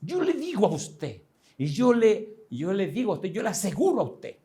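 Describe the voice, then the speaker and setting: A shaken, frenzied rich man, voiced by a male preacher rises in pitch as he insists over and over. He sounds trembling and urgent, set apart from the preacher's own storytelling voice. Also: dark tone, full character voice. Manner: insistent, repeating himself.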